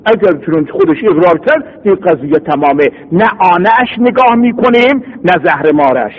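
A high-pitched man lectures on religious law, reading passages aloud and then explaining them with lively acted-out scenes. The recording is dull and lo-fi, with the top end muffled. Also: breathy edge. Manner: animated, acts out scenes to explain.

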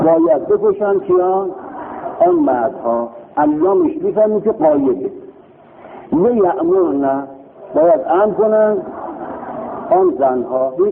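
A man's voice: high voice, gravelly. A man teaching a grammar lesson, drilling verb forms and quizzing himself with questions and answers. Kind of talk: recorded classroom lesson. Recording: tinny phone-like line with faint noise.

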